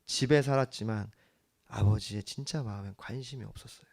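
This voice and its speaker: A man preaching a sermon as the church's pastor, earnest, swinging from hushed lines to emphatic ones. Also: fairly low pitch, a little fast, creaky.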